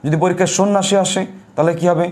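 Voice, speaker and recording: A man's voice: high voice, fairly even intonation, rapid-fire, a little mellow. A man teaching a grammar lesson to students, asking questions and repeating the answers so they can be written down. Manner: self-correcting, thinks aloud. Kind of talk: online class lecture.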